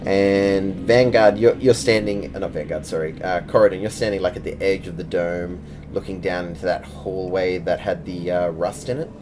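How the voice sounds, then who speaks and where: A man's voice: low voice, steady tone, moderate pace, few pauses. A man acting as game master, casually narrating a tabletop game. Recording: clear background noise.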